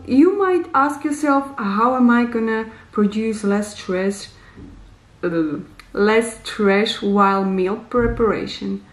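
Recorded in a small, bare, echoey room, this casual instructional vlog has a thirty-something female host offering careful, plain advice to camera. Her English is slightly non-native, and her pitch is medium.

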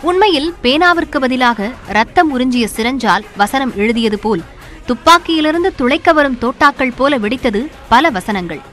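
A woman narrator with a fairly high voice reads a scripted television feature. She is punchy and emphatic, with music running underneath. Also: lively intonation, moderate pace. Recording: loud music bed under voice-over.

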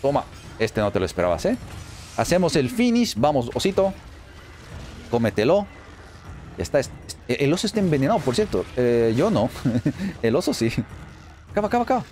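A man giving excited let's play commentary, chatty and often repeating phrases in quick bursts. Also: mid-range voice, slight background noise. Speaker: gameplay commentator. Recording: faint game music underneath.

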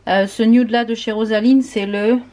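Hoarse, breathless woman vlogging. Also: on the high side, steady tone, moderate pace, dark tone. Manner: chatty, full of fillers and hesitations. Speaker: beauty vlogger. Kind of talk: casual vlog chat to camera.

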